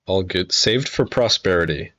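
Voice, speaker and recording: A man's voice: low-pitched, animated, normal speed, fairly bright tone, no echo, lo-fi sound. A man streaming live, chatting casually with a wry, self-mocking manner.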